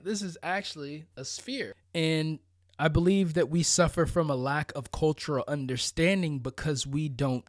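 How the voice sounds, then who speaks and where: A fairly high-pitched American man from Florida, a vlogger, gives an informal pep talk, conversational and emphatic. He often checks in with rhetorical questions and asides. The studio recording is clean, with no room sound.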